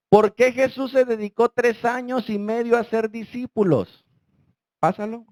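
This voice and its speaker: Animated male preacher, dry sound. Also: no echo. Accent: Mexican Spanish. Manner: animated preaching with swings between loud emphasis and quiet low asides. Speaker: pastor. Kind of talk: sermon. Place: church.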